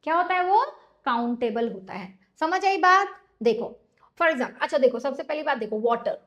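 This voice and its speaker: A woman's voice: high voice, expressive, normal speed, fairly bright tone, muffled recording. A woman teaching an English grammar lesson in Hindi, putting questions to students and answering them herself, often checking whether they understood.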